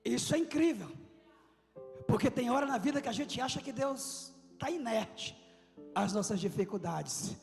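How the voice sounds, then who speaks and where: A man with a Brazilian Portuguese accent, a pastor preaching an impassioned sermon that swings from loud shouting down to quiet, low lines. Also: lively intonation, normal speed, gravelly, long reverb tail, faint music behind.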